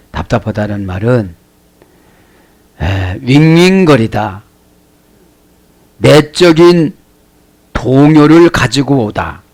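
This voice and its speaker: A man, a pastor giving a Bible study sermon, explaining words one by one and asking the listeners rhetorical questions. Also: mid-range voice.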